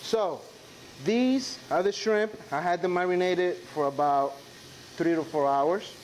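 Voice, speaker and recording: Chatting casually with his viewers and crew, a Dominican chef whose first language is Spanish hosts a live cooking class. He speaks in an unhurried, high-pitched voice with his Dominican accent. The audio is poor, but the sizzling and kitchen noise are clear.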